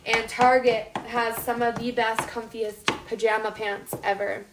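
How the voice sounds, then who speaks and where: A woman in her thirties, from Las Vegas but with a North Dakota, upper Midwestern American accent, hosts a casual live cooking show from her indoor home kitchen, chatting informally straight to viewers. Her voice is on the high side, flat, and a little slow. The room is echoey and the recording clearly noisy with clicks.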